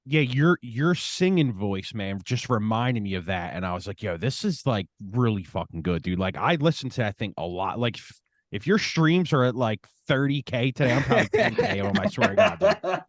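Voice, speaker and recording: Man, podcast co-host, relaxed slangy chat, mid pitch, dry close sound. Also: moderate pace, no room sound. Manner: laid-back, says dude and man a lot. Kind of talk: casual chat.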